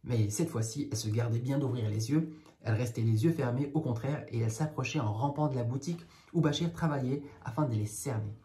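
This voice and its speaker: A man's voice: mid-range voice, fairly quick, dark tone. A man reading a children's tale aloud, breaking off now and then for casual, wry commentary. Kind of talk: read-aloud with jokey spoken asides.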